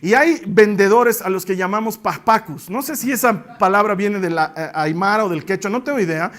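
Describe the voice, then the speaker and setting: A Bolivian-accented man preaches a sermon in a high voice. He retells the story with humor. He often turns to his listeners with playful asides. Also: moderate pace, a bit bright. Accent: Bolivian Spanish.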